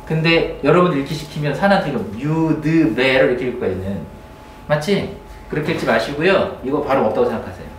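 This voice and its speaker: A man's voice: medium pitch, big pitch swings, a little hiss or hum. Man teaching a class in an echoey room. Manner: keeps checking in with the class through quick questions. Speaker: English teacher. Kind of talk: classroom grammar lecture. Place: classroom with students. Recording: roomy classroom, mic at a distance.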